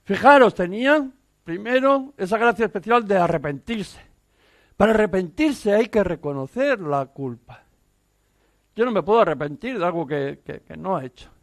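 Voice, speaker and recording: A man's voice: sits high, animated, moderate pace, dry recording. A man from Spain, a pastor, preaching a sermon in an earnest, emphatic way, full of rhetorical questions. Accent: Peninsular Spanish.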